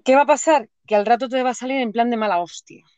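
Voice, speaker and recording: A woman's voice: fairly high pitch, quick pace, darkish tone, no room sound. Emphatic Spanish woman, dry close sound. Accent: Spain. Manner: emphatic, chatty, slangy. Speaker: podcast co-host. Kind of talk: casual chat.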